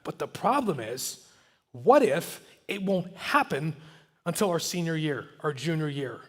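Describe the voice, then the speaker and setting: A man giving a youth sermon, moving between loud emphasis and quiet, hushed asides. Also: on the high side, expressive, measured pace. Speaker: youth speaker. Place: church youth service hall. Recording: roomy live church hall.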